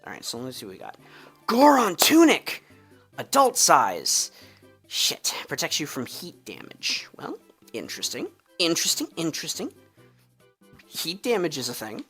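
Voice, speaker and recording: A man's voice: a little high, wildly swooping pitch, moderate pace, sharp tone, husky, soft background music. A man streaming a video game and chatting casually over it, joking and laughing often. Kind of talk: casual let's-play commentary.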